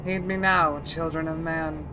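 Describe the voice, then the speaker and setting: A woman performs an ancient she-dragon with a throaty, older voice and a touch of rasp. The guardian speaks solemnly, in formal, archaic game dialogue, over prominent music. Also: deep voice, fairly even intonation, unhurried, low-quality recording. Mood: solemn warning. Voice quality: throaty, a little raspy dragon voice.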